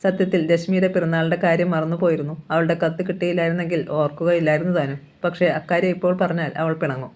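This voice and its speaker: A narrator reading a novel aloud in a steady manner. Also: mid-range voice, fast talker, few pauses.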